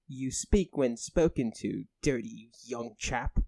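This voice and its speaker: A man's voice: mid-range voice, expressive, creaky, breathy edge, dry recording, full character voice. A man playing a rude, pompous big-city mayor in a put-on British accent, bullying and insulting in improvised comedy. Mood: pompous, abusive. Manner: bullying, insulting, drawn-out shouting. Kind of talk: improvised comedy role-play.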